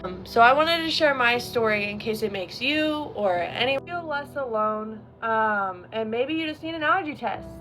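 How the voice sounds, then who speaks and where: A woman's voice: on the high side, animated, normal speed, few pauses, a bit bright, soft background music. A young adult woman sharing a personal story in a candid, chatty, informal way, like a casual video to camera.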